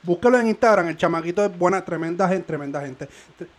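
A man's voice: high-pitched, fast. A man co-hosting a podcast, joking crudely and bursting into laughter. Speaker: podcast co-host. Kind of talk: casual banter.

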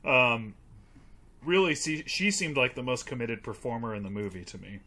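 A man's voice: mid-range voice, very animated, moderate pace, sharp tone. A man co-hosting a casual movie review podcast, rambling with many fillers, swearing and laughing. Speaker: podcast co-host.

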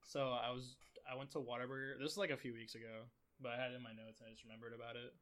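A man's voice: mid-range voice, level tone, rapid-fire, fairly bright tone. A young man co-hosting a casual podcast chat, rambling through stories and laughing often. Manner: rambling, laughs a lot while telling stories. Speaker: podcast co-host.

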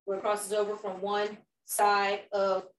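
A woman's voice: medium pitch, monotone, unhurried. A woman leading an informal youth group talk, preaching emphatically and putting questions to the group. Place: indoor room with a small group around a table. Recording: roomy, distant mic, faint background noise.

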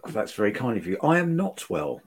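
A man's voice: fairly low pitch, big pitch swings, a little fast, breathy edge. A British man hosting a podcast in casual chat, droll and mock-stoic while under the weather with a cold. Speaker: podcast host.

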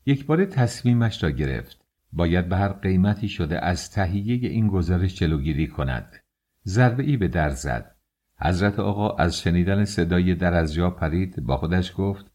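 A man narrating an audiobook in a steady, measured reading. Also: deep voice. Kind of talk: scripted narration.

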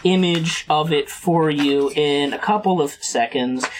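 Unhurried woman game master. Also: low-pitched. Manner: slow descriptive narration with casual joking. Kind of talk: narrating a tabletop game.

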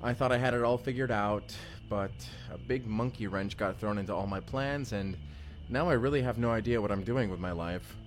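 In an immersive first-person audio roleplay set to music, a man plays an awkward, friendly, evasive young adult who chats hesitantly and jokes often. His fairly low voice moves at a moderate pace, lightly acted, with a hesitant yet sincere mood.

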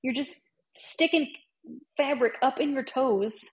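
A woman co-hosting a podcast, ranting in an excitable, self-aware, exasperated way during casual chat. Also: high voice, a little slow, husky, rough recording. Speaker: podcast co-host.

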